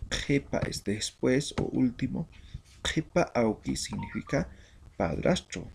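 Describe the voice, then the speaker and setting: A man from Bolivia teaching a language lesson, reading vocabulary slowly word by word with explanations. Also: mid-range voice, creaky, darkish tone, slight background noise. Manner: slow, deliberate word-by-word drilling.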